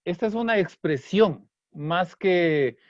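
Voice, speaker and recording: A man teaching an online Kichwa language class, patiently breaking down song lyrics and slowly repeating words. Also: sits high, lively intonation, no echo. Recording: dry, slightly dull online class audio.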